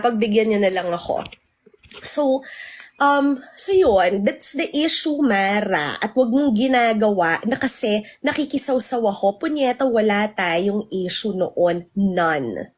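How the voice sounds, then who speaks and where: A high-pitched woman vents on a livestream in a husky, breathy voice. She is indignant and heated, and openly very emotional as she flips between Tagalog and English. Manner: self-described very emotional.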